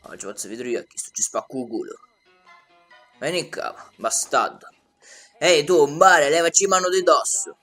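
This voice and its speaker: A hot-tempered Sicilian bully, acted out by a man for a comic film parody. The delivery is swaggering and forceful, leaping up and down in pitch over music. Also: expressive, moderate pace. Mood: menacing. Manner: swaggering, swearing, aggressive. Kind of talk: comic dialect film dub.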